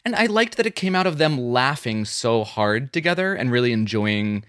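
A middle-aged man co-hosting a podcast, talking in an animated, chatty way with lots of fillers. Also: medium pitch, normal speed, clean tone, no echo, clean studio sound. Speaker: podcast co-host. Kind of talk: casual chat.

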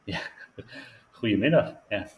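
Low-voiced man co-hosting a football podcast. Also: expressive, unhurried, darkish tone. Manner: enthusiastic, with many agreeing interjections. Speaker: podcast co-host. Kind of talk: casual football podcast chat.

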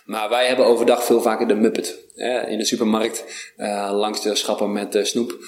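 A man's voice: fairly low pitch, moderate pace. Man telling stories in a roomy space. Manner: animated, rambling storytelling. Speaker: podcast guest, vitality coach. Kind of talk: casual conversation. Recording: roomy sound with faint background noise.

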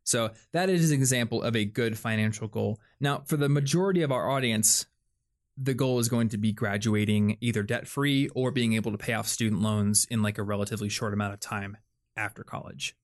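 Brisk and fairly low-pitched, a young man hosts a casual podcast, musing aloud with lots of fillers and sentence restarts.

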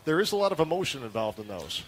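A man hosting a sports radio show, asking questions and reading promos with a smooth announcer delivery. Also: a little high, very animated, fast talker, a little hiss or hum.

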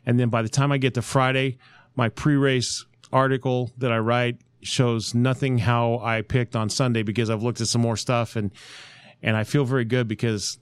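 A man chats loosely on a podcast, circling back and restarting as he hunts for names. His voice sits at an ordinary pitch. The sound is dry and close, with no room around it. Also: smooth, dry recording. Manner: rambling, searches for names, many restarts. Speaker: podcast co-host. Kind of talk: casual sports podcast chat.

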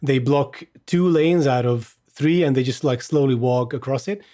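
A man's voice: medium pitch, moderate pace. Chatty Hungarian-raised man in casual talk. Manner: animated, chatty, many fillers and restarts. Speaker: guest. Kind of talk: casual conversation.

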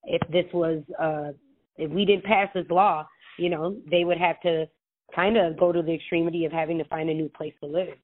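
A woman's voice: lowish voice, steady tone, moderate pace. A woman state legislator answering interview questions earnestly, rambling with many restarts over a phone call. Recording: tinny phone line.

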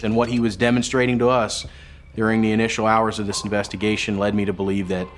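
A man's voice: fairly low pitch, flat delivery, quick pace. A man speaking as an investigator, recounting a case in a documentary interview.

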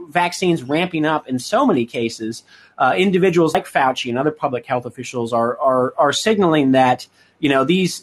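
A man discussing current affairs as a guest on a talk show, hesitant, with many fillers and restarts. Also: medium pitch.

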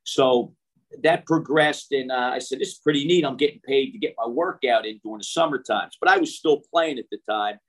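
An older man, a coach being interviewed outdoors, tells anecdotes in a casual, halting, conversational way. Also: mid-range voice, fairly bright tone, poor audio. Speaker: shooting coach, interview guest. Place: outdoors, near passing traffic.

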